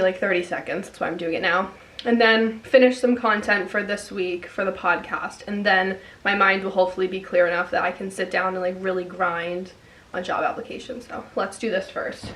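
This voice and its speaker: A woman's voice: mid-range voice, noisy background. A young adult woman chatting casually in a vlog, filling her talk with "like.". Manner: chatty, says "like" a lot. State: out of breath. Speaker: vlogger.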